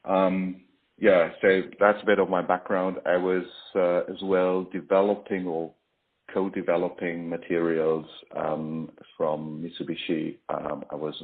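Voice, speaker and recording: A man speaking as an industry expert in a business interview over a call, explaining in a hesitant, halting way. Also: low voice, monotone. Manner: hesitant, halting delivery with pauses. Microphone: phone or online call. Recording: muffled call audio, faint typing noise.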